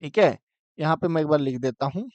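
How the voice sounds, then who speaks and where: A man with a notably high voice leads a Sanskrit grammar lesson. He often pauses to quiz his students, and he chants the rules slowly for them to repeat. The sound is close and dry, with no room echo. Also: expressive, darkish tone, lo-fi sound. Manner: asks students frequent questions, slow chanted recitation of rules. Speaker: Sanskrit teacher. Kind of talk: classroom lecture.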